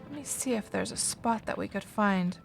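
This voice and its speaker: With vocal fry in her mid-range voice and a normal speed, a game livestreamer chats casually and responds to viewers as soft music plays. Finnish is her first language, and she thinks aloud chattily, using many fillers and restarting often.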